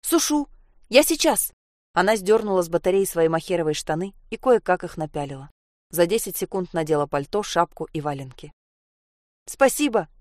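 A woman narrating a story in an even, measured reading. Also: lowish voice, no room sound, studio quality.

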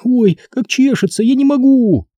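A man's voice: very high voice, animated, normal speed, mellow, breathy edge, no room sound, voice pushed up, full character voice. A man voicing a mischievous young girl who mocks and teases her friend in a storybook reading. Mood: wailing. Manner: mocking, taunting.

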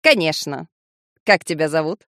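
A woman's voice: sits low, lively intonation, normal speed, a bit bright, no room sound, clean studio sound. A woman voicing a cruel male master of death who threatens and coaxes with false kindness. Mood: falsely gentle. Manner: menacing, coaxing with false kindness. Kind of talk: audiobook character voicing.

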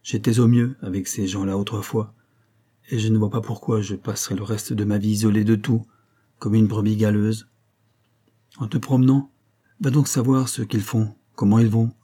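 A resolute, cunning young wife, voiced by a man reading aloud. She speaks with calm, controlled pretense in a low, husky, dark voice. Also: normal speed.

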